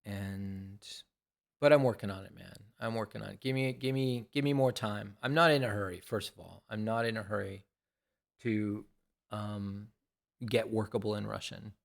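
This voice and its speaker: Speaking with vocal fry in a lowish voice, a man in his sixties rambles to his viewers at a normal speed with fairly even intonation. This vlogger's monologue is loose, full of repeated phrases and casual swearing.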